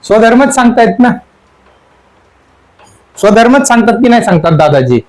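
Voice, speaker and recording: A man with a high-pitched voice gives a sermon, teaching through the words of a song. He repeats the same line over and over and keeps asking his listeners what it means. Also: sing-song, normal speed, darkish tone, rough recording. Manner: asks the audience question after question. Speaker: spiritual teacher. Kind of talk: sermon explaining song lyrics.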